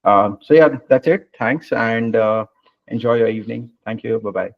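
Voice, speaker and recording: Gravelly man hosting a webinar call. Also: fairly low pitch, moderate pace. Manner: relaxed, many fillers, hesitant phrasing. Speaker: webinar host. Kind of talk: casual webinar Q&A and wrap-up. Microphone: video call. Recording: muffled video-call audio.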